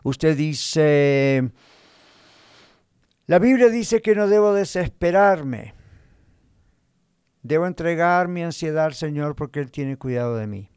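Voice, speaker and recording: A man's voice: on the high side, lively intonation, takes it slowly, pauses often, darkish tone, clean tone, no echo. Earnest man preaching in a dry room. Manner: earnest, repetitive, addresses listener directly; uses homely everyday examples. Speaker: pastor. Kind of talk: teaching sermon.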